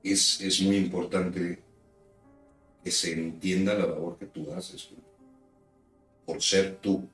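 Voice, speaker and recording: A man's voice: low voice, level tone, slow, pauses often, a bit bright, far from the mic. A man as host, commenting reflectively and backing up his guest in casual conversation. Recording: echoey room, away from the mic, faint music.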